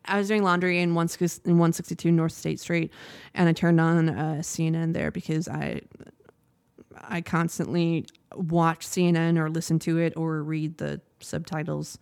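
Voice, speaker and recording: A woman's voice: sits low, moderate pace, smooth, no echo. Chatty young woman with a dry, close sound. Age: young adult. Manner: chatty, laughing, rambling and animated. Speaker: podcast host. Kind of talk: casual monologue.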